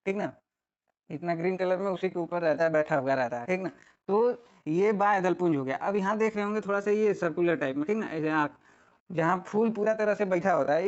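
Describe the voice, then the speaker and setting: A man with a fairly high voice teaches in a relaxed, conversational way, speaking. He repeats key terms and checks in often with his listeners. The recording sounds a little dull and lo-fi. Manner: repetitive, checks in often with filler tags. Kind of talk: casual classroom explanation.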